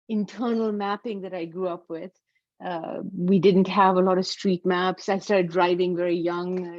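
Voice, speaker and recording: A middle-aged Pakistani woman, an academic lecturer, gives a talk over a video call through a computer mic, her low-ish, slightly mellow voice sounding dull and dry. She is hesitant, with many fillers and restarts.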